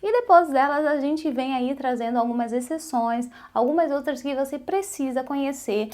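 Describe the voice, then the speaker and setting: Woman teaching French, slightly high voice. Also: a little mellow. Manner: slow, carefully repeated French examples between casual Portuguese explanations. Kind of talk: online language lesson.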